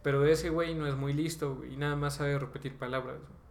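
A man with a Mexican accent tells a tabletop game session as a podcast host, slangy and rambling. His voice sits slightly high with a gravelly fry. The room gives it a noticeable echo, with faint ambience behind. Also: fast talker. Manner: slangy, filler-heavy, ends phrases with "güey"; rambling, animated retelling with bursts of laughter.

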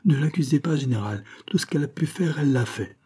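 A frantic courier, a man pushing his words out fast and high, as a male audiobook reader puts him on. His voice jumps well above the reader's own, tense and raised in alarm. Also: animated, warm tone, slightly rough. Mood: urgent, fearful. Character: frightened male courier bringing bad news.

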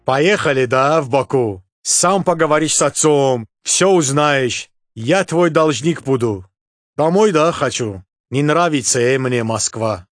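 A man voicing a calm, laconic man from Baku with an Azerbaijani accent and terse, unhurried phrasing. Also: medium pitch, no room sound, studio quality, voice pushed up, close to an everyday voice.

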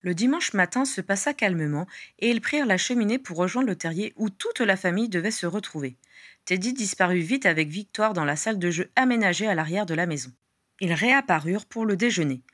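A woman narrating a fan-written novel in a measured, expressive storytelling voice. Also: medium pitch, no room sound, studio quality. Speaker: audiobook reader. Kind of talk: scripted narration.

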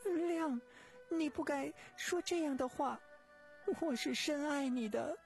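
Narrator voicing a high, trembling guilty widow. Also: a little slow, soft background music. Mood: tearful. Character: scheming middle-aged widow, nervous then tearful.

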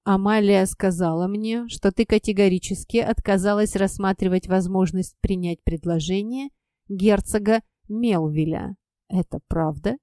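A woman's voice: measured pace, dark tone, clear, resonant tone, no echo, studio quality, close to an everyday voice. A woman doing a stern, furious aristocratic father. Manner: barking, harsh, lowered voice.

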